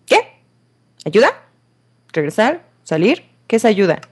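A woman's voice: mid-range voice, big pitch swings, slow pace, darkish tone, husky. Gamer girl chatting thru a lets play, playful, teasing the game characters like theyre real. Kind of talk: let's play commentary.

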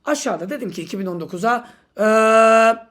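A woman teaching a lively exam-prep lesson, theatrical, with mock threats and sudden swings from shouting to whispering. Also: a little high, brisk. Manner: mock threats and comic outbursts.

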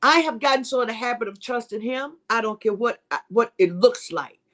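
A woman hosts a live-streamed devotional teaching as a Bible teacher, greeting viewers by name. Her preaching is conversational, repetitive, and emphatic, delivered at normal speed in a slightly high voice with a fairly bright tone.

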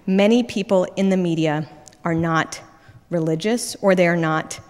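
A woman gives a public lecture with a fairly low voice and a quick, conversational delivery full of asides. She speaks into a wireless mic. Her voice carries a long reverb from the lecture hall. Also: a little mellow. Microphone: wireless microphone.

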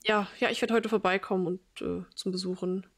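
A polite, awkward young man, read by a woman in her own voice, hesitant and apologetic, with plenty of fillers. He keeps an even middle pitch. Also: a little fast, lightly acted.

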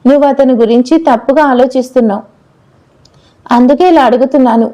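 A woman's voice: sits high, a little fast, mellow, natural voice, rough recording. A woman voicing a troubled, defensive young woman, pregnant and divorced, in a storybook love tale. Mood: irritated. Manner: sad, then irritated.

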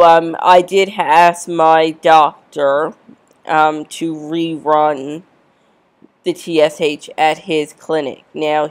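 A woman with a congested, stuffy cold voice, giving a casual, matter-of-fact vlog update. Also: low-pitched. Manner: matter-of-fact, reading out numbers. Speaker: vlogger.

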